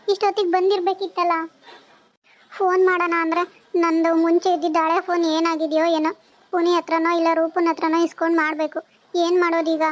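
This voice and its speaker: An anxious young wife, super high voice, pretty flat, pleading. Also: female voice, muffled recording. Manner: worried, pleading. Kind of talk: TV serial acting.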